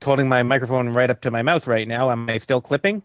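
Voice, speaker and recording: A man's voice: mid-range voice, steady tone, quick pace, a bit bright, dry recording, clean studio sound. A man in a casual group discussion, hesitant with many fillers, his microphone clipping and cutting in and out. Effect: clipping, distorted microphone cutting in and out.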